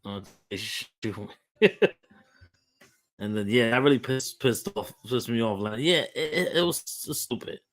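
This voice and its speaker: A young man hosting a podcast, talking in an animated, emphatic rant full of restarts. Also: mid-range voice, unhurried, soft background music. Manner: frequent restarts and fillers. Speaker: podcast host. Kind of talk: casual opinionated chat.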